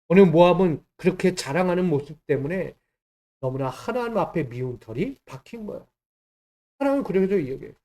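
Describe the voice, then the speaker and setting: Male pastor, high voice, emphatic sermon delivery with rhetorical questions. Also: mellow.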